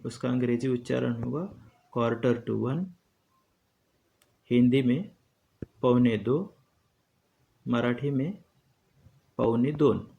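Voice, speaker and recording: A man teaching a lesson slowly and deliberately, repeating each term as he explains it. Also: medium pitch, fairly even intonation, gravelly, mellow, lo-fi sound.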